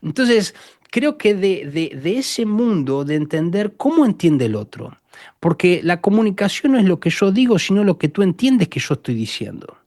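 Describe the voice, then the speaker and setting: A man from Argentina with an Argentine accent, a guest telling animated stories in a conversational interview. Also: high-pitched, moderate pace, dry recording, clean studio sound. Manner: animated storyteller, acts out quotes.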